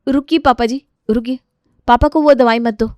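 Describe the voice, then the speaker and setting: A woman's voice: on the high side, steady tone, normal speed, a little mellow, no room sound, studio quality, pitched above the performer's own voice, natural voice. A woman voicing a scheming young daughter-in-law in a cartoon story who speaks sweetly and laughs slyly. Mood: urgent. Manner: sly laughter, sugary politeness.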